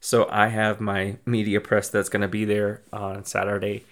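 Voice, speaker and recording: A man's voice: lowish voice, completely flat delivery, normal speed, a bit bright. A man hosting a podcast, giving a casual, rambling life update full of thanks, often restarting and repeating himself. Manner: effusive and grateful. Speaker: podcast host and small business owner.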